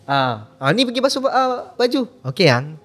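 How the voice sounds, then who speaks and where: A man's voice: high voice, normal speed. A man, telling a story in a casual podcast chat and acting out the dialogue. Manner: animated, acts out quoted dialogue.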